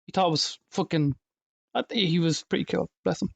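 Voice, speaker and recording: A man's voice: high-pitched, a little fast, vocal fry, husky, dry recording. A man co-hosting a casual gaming podcast, swearing, laughing and rambling through banter. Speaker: co-host.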